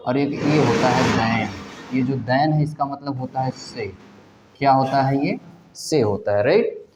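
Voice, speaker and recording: A man's voice: mid-range voice, darkish tone, slight background noise. A man teaching English grammar in a classroom lecture, drilling students with repeated questions. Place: classroom with a board. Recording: roomy, dull classroom recording.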